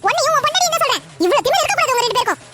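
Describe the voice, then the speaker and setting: A woman voicing a sharp-tongued, defiant middle-aged wife in a cartoon family drama. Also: very high-pitched, animated, racing, over loud music, pitched above the performer's own voice. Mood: snappy. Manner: snappy, dismissive.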